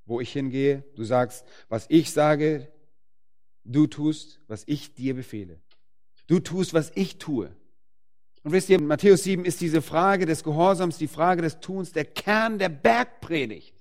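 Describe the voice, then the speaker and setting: A man preaching a sermon with emphatic delivery, slowing down and rising to forceful peaks to stress key words. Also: on the high side.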